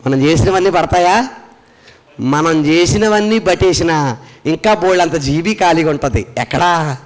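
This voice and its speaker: A man's voice: fairly high pitch, moderate pace, long reverb tail, poor audio. A man preaching a sermon as pastor, asking the congregation questions and answering them himself.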